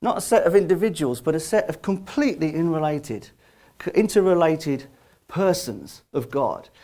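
London preacher, higher-pitched man's voice. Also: expressive, moderate pace, mellow. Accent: London Estuary English. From London, England. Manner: informal, chatty, lightly joking. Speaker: visiting preacher. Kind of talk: conversational sermon.

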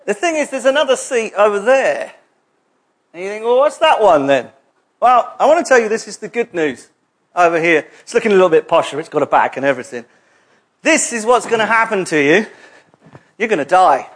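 A man's voice: sits high, expressive, a little fast, a bit bright. A man preaching a sermon in a church hall, conversational and jokey, with asides to the congregation.

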